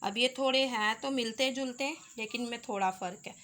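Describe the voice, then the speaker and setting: A woman's voice: fairly high pitch, moderate pace, fairly bright tone. A woman teaching Urdu letters step by step, patiently sounding out each letter with its vowels. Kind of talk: slow step-by-step lesson.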